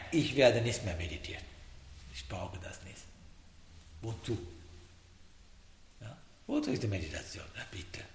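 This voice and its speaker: Man, meditation teacher, slow halting speech, echoey hall. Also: medium pitch. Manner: halting non-native German, frequent "ja?" checks. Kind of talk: dharma talk. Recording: echoey hall, faint noise.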